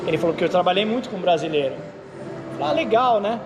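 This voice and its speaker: A man's voice: high-pitched, quick pace, noisy background. A Brazilian man, a racing driver and instructor, chatting casually in an interview and telling stories with frequent check-in questions. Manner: animated storyteller, frequent "entendeu?" tags.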